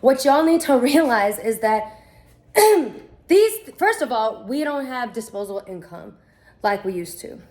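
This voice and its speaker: A woman's voice: on the high side, expressive, measured pace, darkish tone. A young woman, ranting to the camera in an exasperated, profane storytelling way. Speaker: vlogger.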